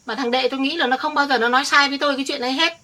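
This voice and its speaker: A woman's voice: high voice, steady tone, rapid-fire, pushed and bright. A middle-aged woman playing a village woman who earnestly insists she is telling the true story. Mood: insistent. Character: older village woman defending her family. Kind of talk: village family drama acting.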